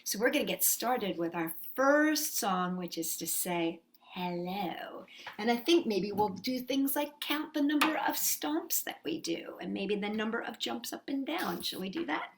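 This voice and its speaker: A woman whose mid-range voice is somewhat creaky runs story time for young children at a measured pace with lively intonation. She reads aloud, sings songs, and talks expressively, asking her listeners simple questions.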